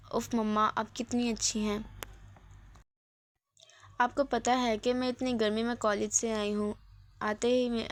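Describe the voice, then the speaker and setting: A woman reading a romance novel aloud as narrator, voicing every character's lines in her own voice. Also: a little high.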